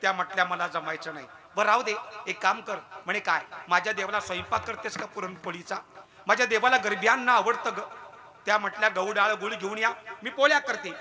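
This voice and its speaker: A man's voice: high-pitched, steady tone, fast talker, a crowd in the background. A man telling a devotional kirtan story and acting out the figures' dialogue with frequent laughter. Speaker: kirtan preacher.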